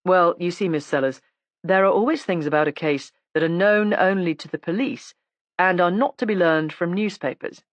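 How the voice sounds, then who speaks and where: A woman's voice: fairly low pitch, moderate pace, dry recording, highs cut off, natural voice. A cool, intimidating male police inspector in an audiobook, clipped and ironic. A woman reader voices him close to her own voice, in a dry, close-miked recording. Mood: stern. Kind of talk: audiobook character voice.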